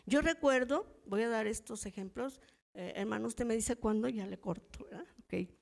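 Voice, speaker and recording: A woman's voice: a little high, moderate pace, vocal fry. A middle-aged woman with a Mexican Spanish accent, teaching in church and telling personal stories in a conversational way, often asking the audience to agree. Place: church hall.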